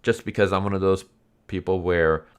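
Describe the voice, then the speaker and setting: A YouTube host who reviews anime movies speaks in an extremely deep voice, congested and nasal from a cold, with a stuffed nose and a cough. He talks to viewers unscripted at a moderate pace with fairly even intonation and a clean tone. He rambles, often repeating and rephrasing his points.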